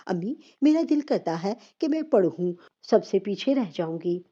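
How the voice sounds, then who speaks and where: A woman voicing a timid, tearful young schoolgirl who speaks in a soft, pleading way. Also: mid-range voice, very animated, lo-fi sound.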